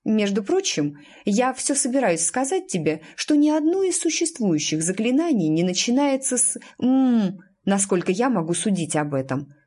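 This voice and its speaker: A woman's voice: medium pitch, very animated, mellow, voice pushed up. A woman voicing a bossy, haughty young witch girl who orders and corrects everyone, in an audiobook reading. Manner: commanding, correcting, drawn-out and haughty. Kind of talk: audiobook character voice.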